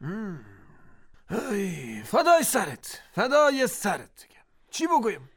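An actor playing a teasing, caring husband in a radio drama. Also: male voice, high voice, huge pitch swings, slightly rough, heavily acted. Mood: soothing. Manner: playful, gently joking.

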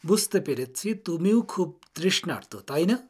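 A man voicing a tired, kindly king in a told folktale, speaking gently to his eagle. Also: high-pitched, animated, moderate pace, slightly rough. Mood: gentle. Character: kind tired male king.

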